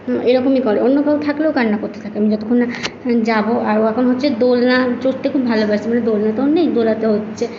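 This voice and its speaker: Speaking rapid-fire at a fairly high pitch, a tired new mother chats and rambles to her viewers, worn down from lack of sleep. The home vlog was filmed on a phone camera in a room at home, and the recording is muffled and echoey with background noise.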